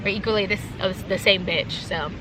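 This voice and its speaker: A woman's voice: mid-range voice, moderate pace. A young American woman chatting casually in a candid, slangy party-girl manner for a Q&A. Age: young adult. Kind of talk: casual Q&A chat. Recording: loud crowd and outdoor noise.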